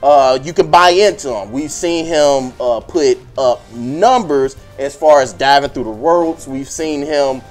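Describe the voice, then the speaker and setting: A man's voice: mid-range voice, unhurried, few pauses, faint music behind. A man talking sports casually as a podcast panelist, emphatic and repeating phrases for weight.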